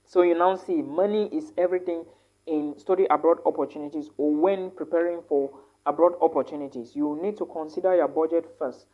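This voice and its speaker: A woman's voice: sits low, fairly even intonation, fairly quick, dull audio. A woman giving casual advice on studying abroad, often checking in with "all right?" and correcting herself as she goes. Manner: tag questions like "all right?", many fillers and self-corrections. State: tired, yawning a lot. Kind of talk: casual advice talk to camera.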